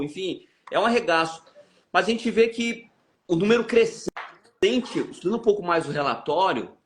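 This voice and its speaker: A podcast host with a Brazilian Portuguese accent reasons aloud in reflective interview talk, thoughtful and hesitant. His voice sits high with a fairly bright tone.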